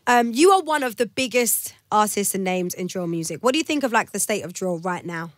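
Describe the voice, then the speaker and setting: A teasing, lively woman radio presenter, speaking at a medium pitch. The studio sound is dry and close. She laughs easily and jokes with her guest. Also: fairly quick, no room sound. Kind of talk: playful radio interview.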